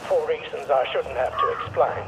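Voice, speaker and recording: An actor playing a male military camp announcer who reads formal bulletins over a loudspeaker in a dry, deadpan way. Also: on the high side, normal speed, gravelly, distant mic, noisy background. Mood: announcing. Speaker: camp public address announcer.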